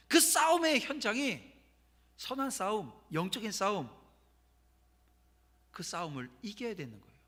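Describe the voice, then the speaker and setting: A man's voice: high voice, fairly bright tone. A man preaching a sermon as pastor, emphatic and asking the congregation rhetorical questions. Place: church sanctuary. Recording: long church hall reverb.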